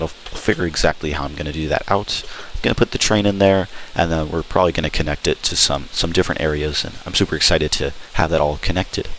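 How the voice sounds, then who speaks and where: A man's voice: deep voice, a bit bright, poor audio. A man giving an enthusiastic, informal walkthrough commentary as host of a gameplay video. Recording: clear background noise.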